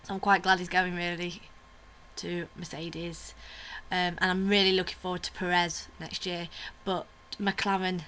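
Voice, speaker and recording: Woman, bright crisp tone, chatty opinionated vlog host, casual asides. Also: on the low side, little pitch movement, a little slow, slight background noise. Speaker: vlogger host. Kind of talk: casual video review chat.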